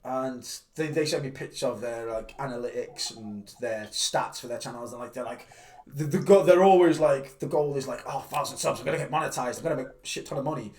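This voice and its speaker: A man hosting a casual podcast, talking in an animated way, swearing and laughing often. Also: mid-range voice, a little fast, recorded from a distance, a little hiss or hum. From United Kingdom. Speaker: podcast host and reaction channel creator. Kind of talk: casual chat.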